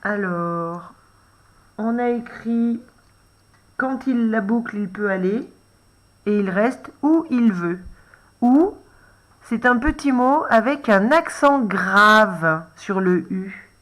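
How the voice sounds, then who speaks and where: Slow, patient French woman teacher. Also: mid-range voice, lively intonation. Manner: gentle, explains letter by letter, reminds to pause the video. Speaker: first-grade teacher. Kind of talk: slow, patient dictation lesson for young children.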